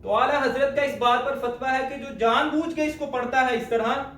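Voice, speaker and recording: A man teaching the correct pronunciation of Quran letters, speaking slowly and deliberately and repeating each sound to demonstrate it. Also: very high-pitched, fairly even intonation, a bit bright, a little hiss or hum. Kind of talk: spoken lesson on letter pronunciation. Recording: echoey room, voice far from mic.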